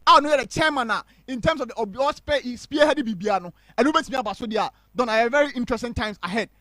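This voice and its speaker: Male pundit, emphatic live-stream match talk, sharp high voice. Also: quick pace, dry recording. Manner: mixes English and Twi, animated and emphatic. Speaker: football pundit.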